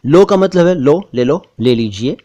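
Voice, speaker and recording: A man hosting a language lesson, patiently explaining how words are pronounced and saying each word again slowly. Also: on the high side, lively intonation, mellow, highs cut off. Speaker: host and language teacher.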